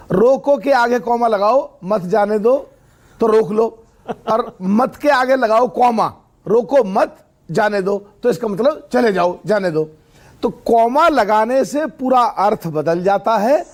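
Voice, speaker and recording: High-voiced man making long debate points. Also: a little mellow. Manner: long-winded, builds points through examples, pleads not to be interrupted. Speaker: political debate panelist. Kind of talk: heated TV debate argument.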